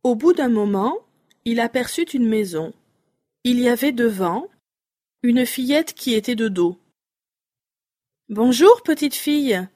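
A woman narrating a children's fairy tale in a slow, deliberate reading voice. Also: fairly high pitch, lively intonation, warm tone. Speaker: storyteller.

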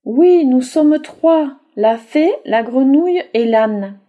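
A woman's voice: high voice, lively intonation, slow pace, phone-quality sound, voice pushed up. A woman voicing a group of small creatures, a fairy, a frog and friends, huddled inside a bagpipe, in a storybook reading. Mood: singsong.

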